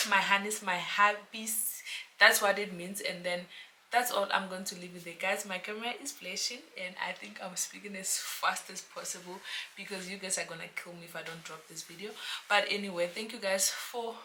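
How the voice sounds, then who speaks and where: A South African woman, a real estate agent, chatting to camera in a casual explainer vlog, animated and talking to her viewers like friends. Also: mid-range voice, moderate pace, a little hiss or hum. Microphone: camera mic, self-filmed.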